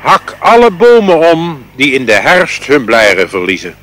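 A man's voice: fairly high pitch, wildly swooping pitch, normal speed, fairly bright tone, pitched above the performer's own voice. A man voicing a bashful, tender-hearted old king in a fairy tale. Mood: commanding.

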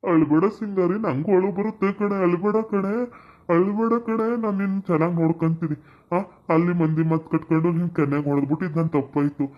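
A woman's voice: lowish voice, fairly even intonation, fairly quick, pitched below the performer's own voice, lightly acted. Woman doing a wailing old village landlord. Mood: tearful pleading. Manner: wailing, repetitive pleading. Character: weeping older village landlord man, loud. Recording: dull lo-fi audio.

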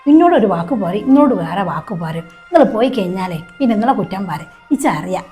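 A woman's voice: mid-range voice, very animated, quick pace, warm tone, soft background music, lightly acted. A woman playing a resentful young married daughter in a short skit, with a Malappuram accent, curt and dismissive. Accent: Malappuram Malayalam. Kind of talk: short-film skit acting.

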